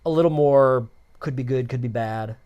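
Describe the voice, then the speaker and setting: A man's voice: mid-range voice, normal speed, lo-fi sound. A man co-hosting a podcast in casual chat, rambling loosely with lots of fillers and restarts. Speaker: podcast co-host.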